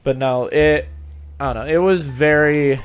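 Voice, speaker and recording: This male host, who also reads fan fiction audio, runs a casual interview in an excited, meandering way while music plays behind him. His fairly high voice is clear and resonant, at a measured pace.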